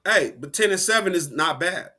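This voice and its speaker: A man with a slightly high voice talks football on a podcast, animated and slangy. He rambles, restarts his sentences and keeps the chat loose and casual. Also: moderate pace. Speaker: podcast co-host.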